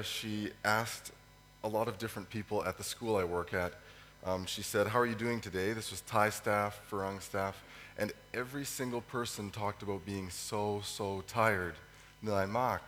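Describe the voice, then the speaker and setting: Preaching in a church hall through a cold, a man speaks in a hoarse, fading, fairly low voice with a fairly bright tone. He halts with ums and clears his throat, and his sermon echoes over a faint hum into the microphone.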